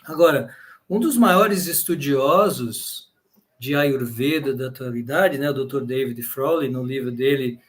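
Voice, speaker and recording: A man's voice: medium pitch, measured pace. A man with a Brazilian Portuguese accent giving an explanatory talk to a live audience, checking in with frequent tag questions. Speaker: lecturer on bhakti yoga.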